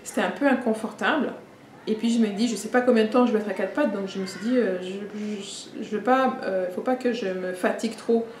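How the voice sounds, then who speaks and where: Woman telling a story, echoey room. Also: medium pitch. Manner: warm, halting retelling with many restarts and fillers. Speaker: vlogger. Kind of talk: personal storytelling vlog. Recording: echoey room with faint ambient noise.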